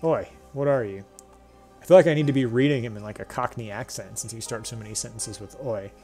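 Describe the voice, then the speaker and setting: Male game streamer, bemused jokey asides, mid-pitched, faint music underneath. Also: quick pace, a little mellow. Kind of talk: live game stream commentary.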